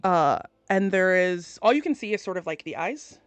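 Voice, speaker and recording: A woman's voice: lowish voice, animated, moderate pace, smooth, no room sound. A woman improvising narration as game master of a tabletop game, informal and given to swearing.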